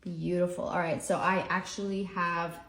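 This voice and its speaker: A woman's voice: lowish voice, little pitch movement, normal speed, gravelly, fairly bright tone. A woman giving an upbeat, chatty step-by-step cooking demonstration in a home kitchen. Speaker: cooking vlogger. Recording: roomy echo, faint noise.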